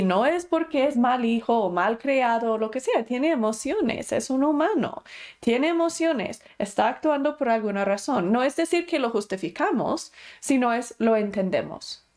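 A woman's voice: a little high, a little mellow. A woman instructor giving an online class, explaining patiently and acting out inner voices.

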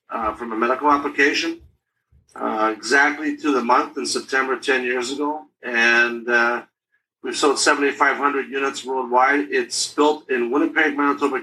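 A man in his sixties from Canada, speaking as a podcast guest in a businesslike way, with a bright, edgy tone. He pauses often on "uh" while he talks. His voice sounds set back from the mic, with a faint hiss behind it. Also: mid-range voice, distant mic, poor audio. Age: 60s. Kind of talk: casual interview.

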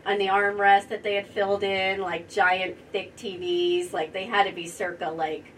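Relaxed woman guest recounting travel. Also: mid-range voice, moderate pace, recorded from a distance, slight background noise, rough recording. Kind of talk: casual travel chat.

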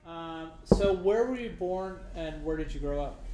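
Casual podcast host, male, slightly high voice, easygoing rambling delivery, faint music underneath. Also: unhurried. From Southern California. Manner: relaxed, filler-heavy rambling. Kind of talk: casual podcast intro and interview.

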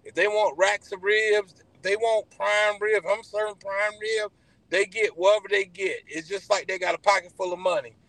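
A man with a Southern US accent telling stories casually as an interview guest, animated and folksy, repeating phrases for emphasis. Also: high-pitched, moderate pace, no echo, low-quality recording. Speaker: podcast guest, barbecue pitmaster.

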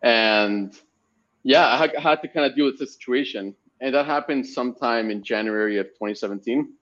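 A man's voice: medium pitch, moderate pace, fairly bright tone. Man from Spain, casual rambling storyteller. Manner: rambling storytelling with frequent fillers. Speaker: guest. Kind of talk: casual podcast interview. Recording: slightly dull lo-fi audio.

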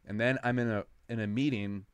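A man's voice: fairly low pitch, fairly even intonation, fairly quick, clean tone, no room sound. A man telling a long personal story in casual podcast chat, rambling and profane, acting out what people said. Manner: rambling, profane, acts out quotes.

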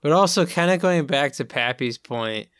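A man's voice: on the high side, lively intonation, moderate pace, a bit bright, smooth, dry recording, clean studio sound. A man in a casual movie-review chat, incredulous and saying "like" constantly.

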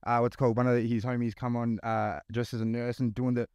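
A man's voice: mid-range voice, flat delivery, fast talker, darkish tone, clear, resonant tone, dry recording. A man hosting a casual podcast interview in hyped frat-bro style, swearing and calling people "bro" constantly. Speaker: podcast host.

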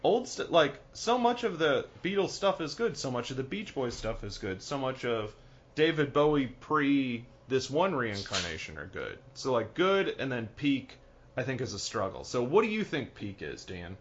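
Animated man chatting on a podcast. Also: mid-range voice, normal speed, lo-fi sound, a little hiss or hum. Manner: animated, rambling, laughs often. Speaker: podcast co-host. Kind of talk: casual chat.

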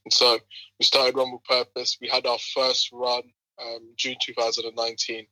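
Bright-voiced young London man, roadman slang. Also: medium pitch, moderate pace, no room sound, poor audio. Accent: London, urban multicultural roadman slang. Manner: slangy, animated retelling with quoted exchanges. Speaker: podcast guest, running group co-founder. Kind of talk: casual conversational storytelling.

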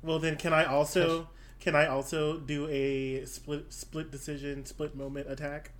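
A woman playing a tabletop game, excitable, with bursts of loud reactions. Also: sits low, a little slow. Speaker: player. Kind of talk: casual tabletop play.

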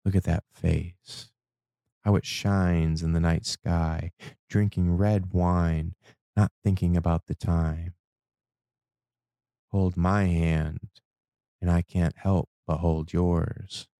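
Slow, deep, gravelly man reciting spoken word. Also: flat delivery, dark tone, no echo, studio quality. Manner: dramatic, deliberate delivery in short measured phrases. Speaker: podcast host. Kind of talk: spoken-word poetry monologue.

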